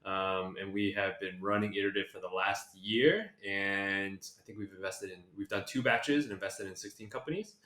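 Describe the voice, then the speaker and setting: A Malaysian venture partner appears as a podcast guest in a casual conversation, rambling with many fillers and restarts. His deep, bright, forceful voice moves at a moderate pace with hardly any pauses, recorded in an echoey room.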